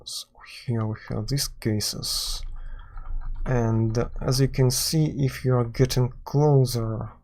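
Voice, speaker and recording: A man's voice: medium pitch, fairly even intonation, slow, darkish tone. A man from Belarus with a Belarusian accent, live-streaming while he codes, talking hesitantly with many filler sounds. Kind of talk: live-streamed coding commentary. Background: keyboard typing and clicking.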